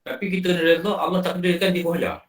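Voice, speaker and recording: A man's voice: high voice, racing. A man with a Malaysian Malay accent giving an online religious lecture, telling stories and acting out scenes as he teaches. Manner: animated storytelling, acting out film scenes. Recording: roomy and distant from the mic.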